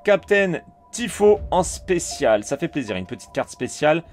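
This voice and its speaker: A man with a French accent chatting casually while opening trading cards, calling out each card and getting excited. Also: on the high side, moderate pace, faint music behind. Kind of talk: casual card-unboxing commentary.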